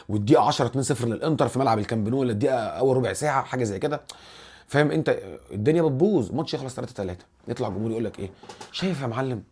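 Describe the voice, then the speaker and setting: A man with an Egyptian accent hosting a casual football commentary vlog, animated and rambling, restarting his words often. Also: mid-range voice, breathy edge. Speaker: football channel host.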